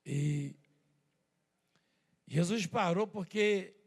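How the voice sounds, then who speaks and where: A Brazilian-accented male preacher delivers his sermon in a loose, conversational way, leaning on rhetorical questions and repeated words. His voice sits high for a man and has a husky, gravelly grain. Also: extremely slow. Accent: Brazilian Portuguese.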